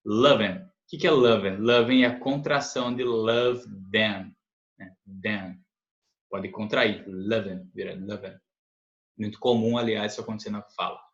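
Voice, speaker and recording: A man's voice: on the low side, steady tone, fairly bright tone. Brazilian man teaching English, echoey room. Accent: Brazilian Portuguese. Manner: patient explanations, frequent "né?" tag questions; reads English example sentences slowly and deliberately. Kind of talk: language lesson, explaining English sentences in Portuguese. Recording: echoey room, dull lo-fi sound.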